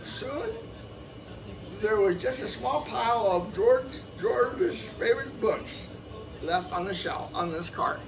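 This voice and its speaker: Reading slowly in a high, lively voice, a man performs a children's picture book for young listeners, adding offhand asides and repeating phrases. The storyteller was recorded from far away, and the audio is noisy.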